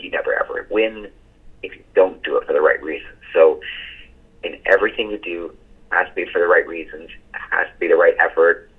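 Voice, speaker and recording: A hoarse man, who says he has lost his voice, speaking earnestly as a senior partner on a call, with fillers and restarts. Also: deep voice. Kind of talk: casual motivational reply. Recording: tinny phone line.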